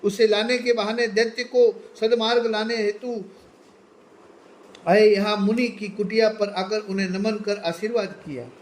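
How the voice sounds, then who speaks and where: A man tells a devotional legend in a high-pitched voice. He narrates reverently and gives the characters' pleas and replies in his own voice. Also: steady tone, measured pace. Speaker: storyteller.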